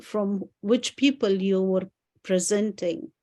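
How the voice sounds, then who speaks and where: Slow, mellow woman. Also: medium pitch. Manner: hesitant, frequent pauses in non-native English. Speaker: panel guest from civil society. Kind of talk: recounting events in a panel interview.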